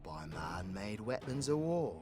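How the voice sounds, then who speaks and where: A British man with a lowish, warm voice and wide pitch swings plays a cocky, foul-mouthed, sarcastic supervillain in an audio roleplay. At a measured pace, he tells rambling, wry comedic stories in cheeky, sweary, colloquial speech, with theatrical bursts into exclamation. Faint music plays behind him.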